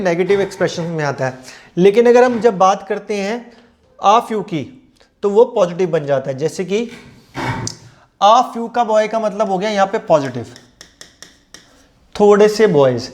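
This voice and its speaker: Speaking Hindi in a high-pitched, darkish voice, a male English grammar teacher leads an exam-prep lesson. He reads English examples slowly and asks the class questions, then answers them himself.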